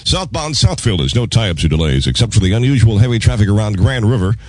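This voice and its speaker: A man's voice: lowish voice, big pitch swings, quick pace, a little mellow, no room sound. A man working as a morning radio DJ, mixing announcements with wry, joking patter. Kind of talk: radio patter, time, weather and traffic.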